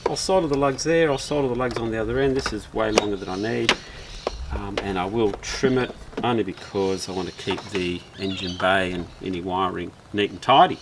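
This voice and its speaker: A man's voice: fairly low pitch, brisk, noisy background. A man with an Australian accent casually explaining car wiring work as he does it, thinking aloud. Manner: relaxed, thinking aloud while working. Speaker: DIY car vlogger. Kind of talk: casual how-to narration. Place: at a car's engine bay, working on it.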